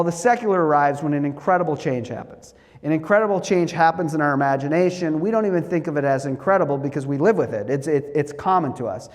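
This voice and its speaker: A middle-aged man giving a lecture, telling stories with a wry, animated manner. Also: fairly high pitch. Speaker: guest lecturer. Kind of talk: storytelling lecture. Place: church sanctuary. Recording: long reverb of a church hall.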